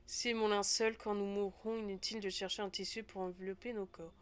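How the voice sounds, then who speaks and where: Brief: grim shrouded cult woman of death, slow and solemn, voiced by a woman reading game lines. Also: medium pitch, level tone, clean tone, close to an everyday voice.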